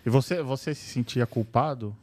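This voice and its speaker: A man's voice: mid-range voice, normal speed, dark tone, slight background noise. A man hosting a casual podcast, asking questions and answering his guest with short, encouraging replies. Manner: encouraging, brief affirmations and questions. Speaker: podcast host.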